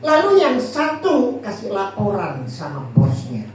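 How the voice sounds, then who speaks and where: A male pastor preaches in a playful, questioning way, his pitch rising and falling widely. He sounds far from the microphone in a very echoey hall, with a faint hiss behind him. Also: measured pace. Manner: lively, jokey, asks the congregation questions. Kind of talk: sermon.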